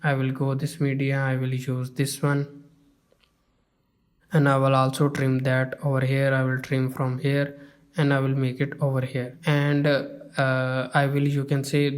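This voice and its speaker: Flat-voiced man teaching software. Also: medium pitch. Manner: step-by-step, with frequent "uh" and "you can say" fillers. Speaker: software tutorial instructor. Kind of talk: screen-recorded software tutorial.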